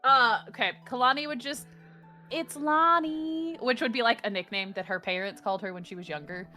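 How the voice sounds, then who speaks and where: A woman's voice: medium pitch, steady tone, fast talker, sharp tone, faint music behind. A woman playing in a streamed tabletop game, giggly and a little flustered. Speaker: player.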